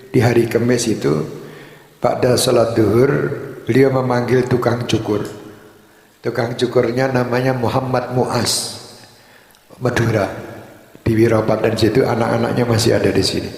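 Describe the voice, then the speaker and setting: A man speaking at a religious gathering, recounting a story in a relaxed way. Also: medium pitch, creaky. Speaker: religious leader and guest speaker. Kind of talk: sermon. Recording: echoey hall.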